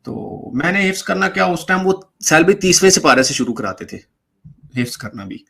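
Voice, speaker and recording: Higher-pitched man telling his story. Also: gravelly, breathy edge. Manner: animated, re-enacts dialogue while recounting events. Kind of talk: casual spoken storytelling in a debate stream.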